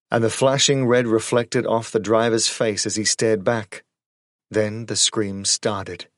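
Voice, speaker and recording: A male audiobook narrator reads a horror story at a mid-range pitch, measured and suspenseful. The recording is close and dry, with no room sound around his voice. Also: no echo.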